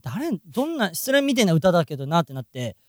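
A man in his thirties tells a story with a lively voice that swings up and down in pitch. He sounds like a comedian in casual podcast chat who laughs at himself. The mic is close and the sound is dry. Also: fast talker, no echo. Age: 30s.

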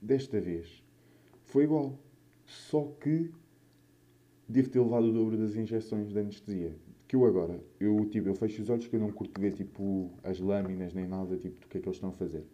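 A man's voice: lowish voice, brisk, dark tone, dull audio. A young man with a European Portuguese accent chatting casually and alone as a host, rambling through anecdotes with slang and swearing, his mouth a bit swollen after wisdom tooth removal. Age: young adult. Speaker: podcast or vlog host.

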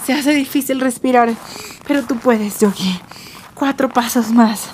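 A woman's voice: sits high, measured pace, slight background noise. Playful woman guiding a kids' yoga story. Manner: playful, dramatic, breath-guiding, shifts between whispers and excited cheers. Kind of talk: guided yoga adventure story for kids.

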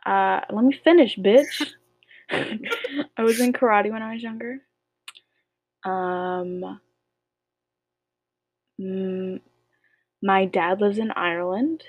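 Young woman, podcast co-host, playful and teasing, unhurried pace, dry close recording. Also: mid-range voice, no echo. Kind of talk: casual chat game with a friend.

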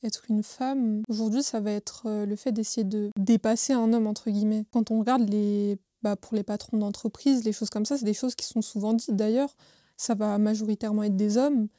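A woman's voice: mid-range voice, fairly even intonation, moderate pace, warm tone, no echo, clean studio sound. A woman guest speaking thoughtfully in a group discussion, searching for her words.

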